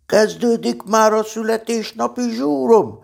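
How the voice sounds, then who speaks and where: A man's voice: high voice, creaky, voice pushed up. A man voicing Winnie the Pooh, an eager bear. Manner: excited, chattering questions. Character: eager, impatient little male teddy bear. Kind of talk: storybook reading.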